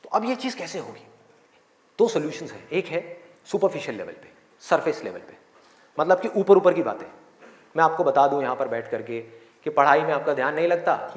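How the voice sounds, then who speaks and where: High-voiced man giving a lively motivational talk. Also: fast talker. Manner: lively, rhetorical questions, acts out voices. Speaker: motivational speaker. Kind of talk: motivational session to a live audience. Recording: echoey hall with faint crowd.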